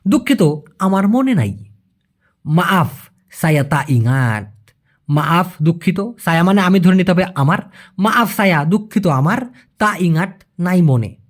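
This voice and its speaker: A man teaching a language lesson in a casual way, repeating phrases slowly and calling his viewers brother. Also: high-pitched, expressive.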